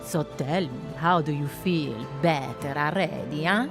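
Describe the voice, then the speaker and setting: A grandiose video game huckster with a put-on Italian accent; lowish voice, loud music behind. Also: female voice, unhurried, gravelly. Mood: grand. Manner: grand, pitchy sales patter. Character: theatrical traveling salesman of a soul machine.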